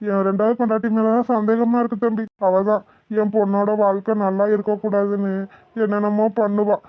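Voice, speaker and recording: A woman's voice: mid-range voice, flat delivery, fairly quick, dry recording, lo-fi sound, lightly acted. A woman voicing a grieving old male farmer who pleads tearfully for help finding his daughter. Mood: pleading. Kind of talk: cartoon voice acting.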